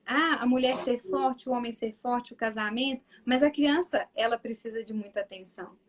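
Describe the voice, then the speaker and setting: This is a casual live-stream chat in which a Brazilian mother, accent from Minas Gerais, talks at normal speed in a voice on the high side. She animatedly re-enacts talking with her son using a softer voice, with frequent restarts and filler asides aimed at viewers.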